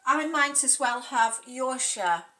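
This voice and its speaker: A woman's voice: high voice, animated, slow, bright, forceful tone, pitched above the performer's own voice, exaggerated voice. A woman reading aloud and voicing a brash, greedy woman judge who gloats. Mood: gloating.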